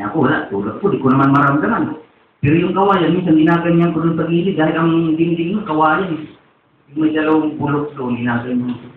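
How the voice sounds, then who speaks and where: A Filipino man with a fairly high voice preaches in church, rambling through a personal testimony as his sermon. The recording is tinny, echoey and distant, with slight background noise.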